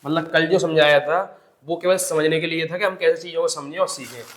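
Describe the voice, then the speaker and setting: A man's voice: on the high side, brisk, fairly bright tone. Echoey male Hindi grammar teacher. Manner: explains step by step, repeats definitions, asks rhetorical questions; addresses students as "bhai". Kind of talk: exam-prep classroom lesson. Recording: echoey classroom sound.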